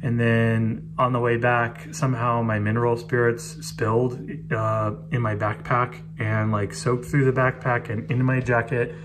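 A man's voice: mid-range voice, flat delivery, normal speed, hardly any pauses, noisy background. A man talking candidly to camera in a casual art vlog, rambling and frustrated. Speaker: artist vlogger. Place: outdoors on a city street, then indoors.

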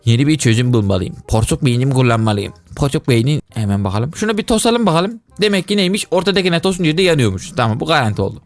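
Excitable man narrating his gameplay. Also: medium pitch, no room sound. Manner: animated, yelps and cries out when scared. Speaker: gaming YouTuber.

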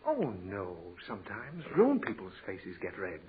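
With a crowd in the background, an actor in a 1940s radio comedy plays a sentimental father who is patient, fussy, and easily flustered as he lectures his naughty daughter. His lowish voice swoops wildly in pitch and runs a little slow. The old broadcast is tinny, with a faint hiss.

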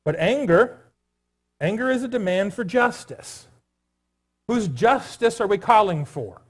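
A man's voice: high-pitched, animated, unhurried. A pastor giving a sermon in a church, talking casually to his congregation with jokes and asides. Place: church sanctuary.

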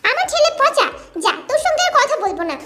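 A woman's voice: very high-pitched, sing-song, quick pace, pitched above the performer's own voice. Woman doing a doting landlady mother. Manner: doting, teasing. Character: kind affectionate middle-aged landlady mother. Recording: background music under the voice.

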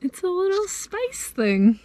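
Her very high voice is extremely animated yet slow, with a dark tone, and the recording is rough. She's a van camping vlogger in her thirties, cooking inside a parked minivan camper for a casual vlog and cheerfully thinking aloud. A camera mounted in the van captures her chatty talk.

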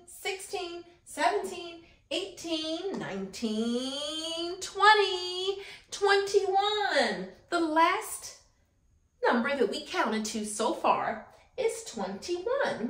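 Young female preschool teacher, earnest upbeat lesson delivery, unhurried sing-song pacing, roomy indoor sound. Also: very high voice, a bit bright. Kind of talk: upbeat children's lesson to camera. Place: small room set up as a classroom, indoors.

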